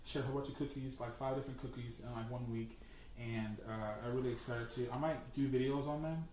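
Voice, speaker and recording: A young man hosting a casual home cooking vlog, chatty and excitable, saying "like" constantly while he bakes in his kitchen. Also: medium pitch, a little fast, a little hiss or hum. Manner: chatty and excitable, heavy use of "like". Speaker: food blogger host. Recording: echoey room.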